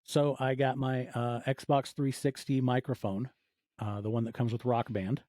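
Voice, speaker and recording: A man in his forties, an audio fiction producer, speaks a little slowly as a podcast guest in a medium-pitched, level, dark voice. He tells stories casually in an interview and acts out little quoted asides, and the recording is dry.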